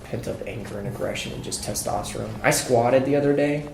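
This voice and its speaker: A young man co-hosting a gaming podcast jokes around and calls out what he sees on screen as he plays. His voice is medium-pitched, a little fast, and creaky, recorded in an echoey room with faint noise.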